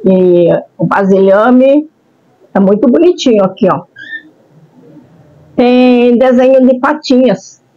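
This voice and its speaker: Middle-aged Brazilian female vlogger, slightly high voice, cutesy anime-streamer delivery for product reviews, dull lo-fi audio. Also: slow, pauses often, dark tone. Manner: cutesy and playful, with sing-song catchphrases. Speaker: video channel host.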